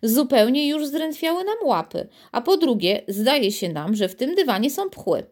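A woman's voice: high voice, big pitch swings, normal speed, darkish tone, voice pushed up. A woman reading the lines of two lazy lions in a storybook, who murmur along agreeably. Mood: grumbly.

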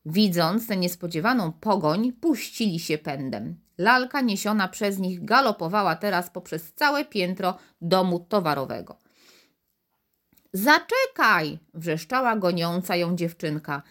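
A woman's voice: fairly low pitch, normal speed, few pauses. A woman reading a children's story aloud as the narrator. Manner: expressive, animated.

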